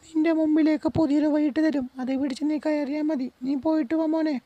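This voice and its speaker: A woman voicing a caring mother who gently reassures her grown son, in an amateur dub of a game short film. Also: sits high, fairly even intonation, fast talker, no room sound, close to an everyday voice. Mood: soothing. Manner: tender and reassuring.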